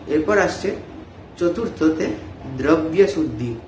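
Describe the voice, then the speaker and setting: Echoey man teaching a ritual method. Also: on the high side. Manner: measured, chanting syllable formulas in a slow steady cadence. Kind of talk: explaining a ritual method, with Sanskrit verse recited slowly. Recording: echoey room with faint background noise.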